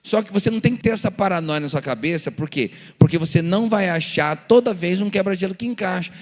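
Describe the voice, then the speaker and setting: Man, Brazilian Portuguese accent, pastor, high voice, acts out dialogues, church seminar talk. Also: fast talker, long reverb tail. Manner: animated storyteller acting out dialogues, asks rhetorical questions.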